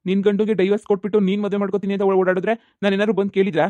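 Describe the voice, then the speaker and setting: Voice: mid-range voice, little pitch movement, racing, mellow, dry recording, dull audio, close to an everyday voice. A voice actor playing an exasperated man who refuses a marriage, in a cartoon comedy. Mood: irritated scolding.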